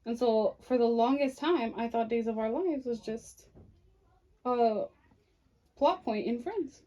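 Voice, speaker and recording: A chatty young woman with a fairly high voice, talking casually with her sister as they get ready together. She rambles easily from one story to the next and giggles often. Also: a little slow, warm tone, highs cut off. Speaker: co-host, sister.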